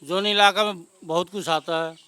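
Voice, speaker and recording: Male resident, high bright voice, bitter and indignant street interview. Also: steady tone, normal speed, clean tone, no room sound. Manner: resigned, then bitter and indignant. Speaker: local resident, temple priest. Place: outdoors at a demolition site.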